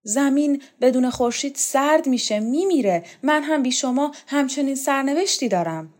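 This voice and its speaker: A woman voicing a desperate young man who begs in a high, strained voice in a read-aloud novel. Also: close to an everyday voice. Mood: pleading.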